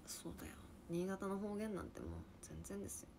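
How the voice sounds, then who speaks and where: Chatty young woman with a lively voice. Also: medium pitch, a little fast, noisy background. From Niigata, Japan. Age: 20s. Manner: chatty, reacts to comments, laughs often. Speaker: livestream host chatting with viewers. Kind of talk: casual chat.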